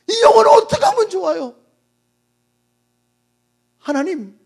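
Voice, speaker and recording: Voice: extremely high pitch, creaky, heavily acted. A preacher acting out an earnest older male pastor who pleads in prayer.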